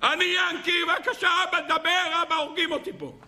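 Man playing a terrified little boy, high, shrill, wailing and pleading. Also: fairly even intonation, pushed and bright, slight background noise, full character voice. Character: terrified young boy crying for his father.

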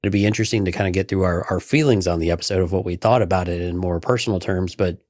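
A man's voice: low voice, fairly even intonation, fast talker, darkish tone, no echo. Joking man co-hosting a podcast. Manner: easygoing, joking, stumbling restarts. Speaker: podcast co-host. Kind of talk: casual podcast chat.

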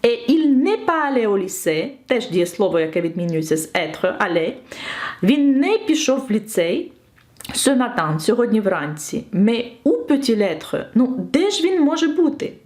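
A woman teaching French, reading a book aloud and stopping to translate and explain. Her voice sits a little high and swings widely in pitch. She lifts her tone when she reads the characters' lines. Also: big pitch swings, moderate pace, a little mellow.

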